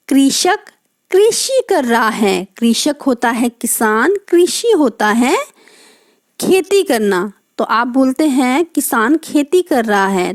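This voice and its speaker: Teacher woman, slightly high voice, drawn-out words for kids, slow and patient. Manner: asks the children questions and explains each word. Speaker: primary school Hindi teacher. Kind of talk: recorded lesson for young children.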